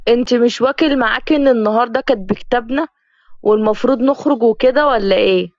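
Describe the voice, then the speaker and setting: A woman's voice: fairly high pitch, quick pace, no echo, natural voice. A woman voicing a sulky young groom forced into marriage, speaking Egyptian Arabic in a defensive, grumbling way. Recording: dry, slightly dull recording.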